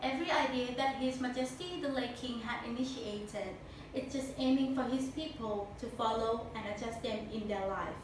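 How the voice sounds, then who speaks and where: A woman's voice: a little high, normal speed. Echoey, stiffly recited young Thai-accented woman. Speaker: speech contestant. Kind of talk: memorized competition speech. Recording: very echoey room, distant mic, noisy.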